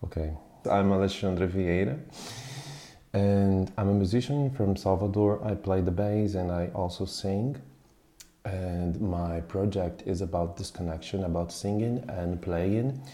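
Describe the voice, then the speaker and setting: Slow, deep-voiced man, roomy sound. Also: warm tone. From Brazil. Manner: unhurried, thoughtful, pauses with fillers. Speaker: musician guest. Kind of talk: interview answers, reflective storytelling.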